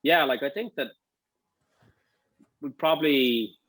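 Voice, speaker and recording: A man's voice: medium pitch, takes it slowly, a bit bright, no room sound. A man with a Dublin accent giving casual interview answers, rambling as he thinks aloud. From Dublin, Ireland. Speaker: interview guest, restaurant owner.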